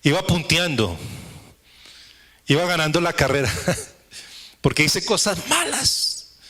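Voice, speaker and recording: Male pastor, sermon, fairly high voice, emphatic repetitive cadence, rhetorical questions to congregation. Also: very animated, takes it slowly, pushed and bright. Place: church service with congregation.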